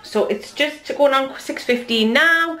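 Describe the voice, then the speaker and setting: A woman's voice: high-pitched, a little slow, sharp tone. A woman in her thirties with a Geordie accent, chatting casually to her camera at home in a rambling family vlog. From North East England. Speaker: vlogger, mother.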